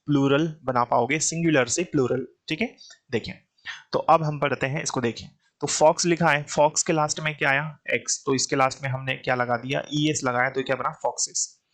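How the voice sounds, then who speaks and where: A man with an Indian English accent teaches an exam-prep grammar lesson at an everyday mid pitch. He keeps firing questions at the class and answering them himself, calling the student "beta" as he goes. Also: steady tone, brisk, a bit bright.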